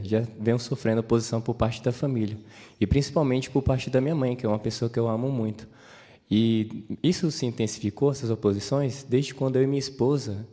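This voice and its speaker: A man's voice: medium pitch, warm tone. A man with a Brazilian Portuguese accent being interviewed on stage, earnestly telling about his family's opposition. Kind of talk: stage interview, personal account. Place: large assembly hall. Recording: reverberant assembly hall.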